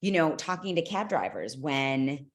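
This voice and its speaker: A woman's voice: low voice, sing-song, a little slow. A woman guest, a mother, chatting casually and effusively, exclaiming and restarting her sentences. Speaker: guest, former client and mother. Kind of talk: casual podcast chat.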